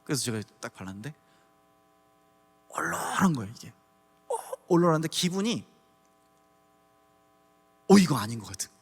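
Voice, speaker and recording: A man from Daegu giving a testimony sermon at a church service, telling his story in an animated way and acting out the scenes. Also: fairly high pitch, normal speed, creaky, long pauses, husky. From Daegu, South Korea. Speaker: guest preacher. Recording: long church hall reverb.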